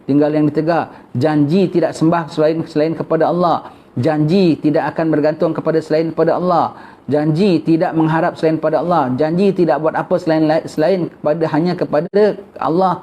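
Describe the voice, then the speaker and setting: A man's voice: fairly high pitch, warm tone. A man with a Malaysian Malay accent teaching a religious text, chatty and repetitive, often tagging "ya". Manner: chatty, repetitive, frequent "ya" tags. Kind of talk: kitab study lecture, reading and explaining.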